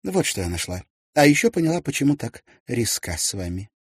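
A man voicing a spirited, quick-tongued young woman, lifting his voice high and lively. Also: husky, dry recording. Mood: excited. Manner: raised, lively, teasing.

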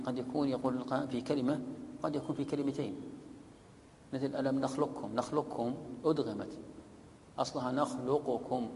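A man teaching the rules of Quran recitation, reading lines from a text, then explaining them and repeating example words slowly. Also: mid-range voice, creaky, long reverb tail, slight background noise. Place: large mosque hall.

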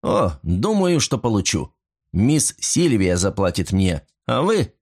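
Man voicing a stern detective, clipped, emphatic, lively pitch, audiobook figure. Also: slow pace, breathy edge, full character voice.

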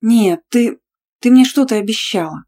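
A woman voicing a stubborn older sister who is ill, speaking hoarsely, weak but insistent. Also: mid-range voice, moderate pace, darkish tone, lightly acted.

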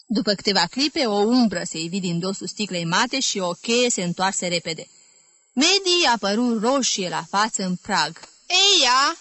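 A woman narrating a literary audiobook in a measured, clear reading manner. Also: mid-range voice, fairly bright tone, no echo.

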